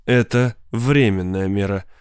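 A man voicing a flat, recorded automated service voice in an audiobook. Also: lowish voice, unhurried, smooth, dry recording, clean studio sound, natural voice. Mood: bland. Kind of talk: audiobook character voice.

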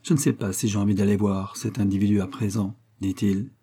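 A man reading a classic story aloud as audiobook narration, in a steady storytelling manner. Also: on the low side, brisk, husky. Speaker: audiobook reader.

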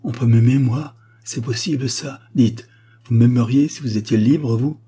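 A man's voice: mid-range voice, normal speed, warm tone, breathy edge, pitched above the performer's own voice, natural voice. A man voicing a shy, lonely young working man in a storybook reading, stammering and full of wonder.

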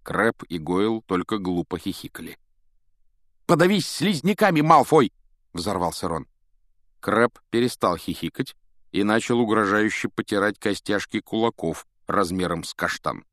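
A man narrating an audiobook in a measured, expressive storytelling manner. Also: low voice, dry recording, clean studio sound. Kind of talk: scripted narration.

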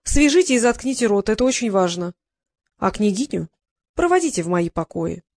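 A mild, quietly cunning sultan, as a woman reader puts him on for an audiobook, speaking in a kindly, unhurried way. The voice is held at a middling pitch and sounds close and dry. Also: animated, no room sound, natural voice. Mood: gently commanding. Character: soft-spoken, yielding, gently cunning sultan, man.

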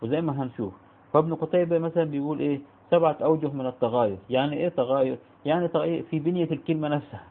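A man with an Egyptian Arabic accent giving a spoken religious lesson. He talks in a halting way, with many restarts, and asks and answers his own questions. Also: a little high. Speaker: Islamic studies teacher. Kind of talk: spoken lecture. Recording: phone-like narrow band.

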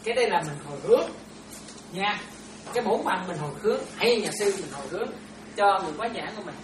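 A woman's voice: medium pitch, expressive, fast. A woman teaching in a Buddhist talk, chatty, often checking whether listeners follow and laughing now and then. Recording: echoey room, distant mic, noisy.

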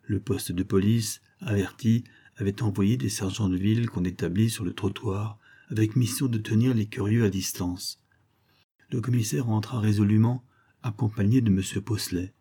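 Husky, low-voiced male narrator. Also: fairly even intonation, dark tone. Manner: measured, phrase-by-phrase delivery. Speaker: audiobook narrator. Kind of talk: scripted literary narration.

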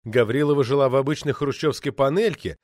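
A man narrating an audiobook in an ironic, lively storytelling manner. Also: mid-range voice, brisk, no room sound, studio quality.

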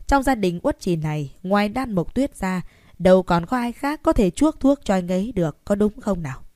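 A woman's voice: medium pitch, expressive, normal speed, mellow, no echo, clean studio sound, close to an everyday voice. A woman doing a coaxing young man. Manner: coaxing, pleading. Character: cheerful, smooth-talking young man placating elders.

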